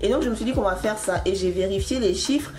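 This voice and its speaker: A young woman hosting a casual interview, chatty and quick to laugh, seated in a bright room. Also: mid-range voice, music in the background. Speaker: host.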